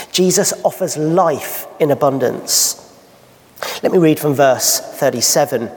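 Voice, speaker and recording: A man's voice: fairly high pitch, gravelly. A man preaching a sermon in church, asking rhetorical questions and painting vivid scenes. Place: church hall. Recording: long hall reverb.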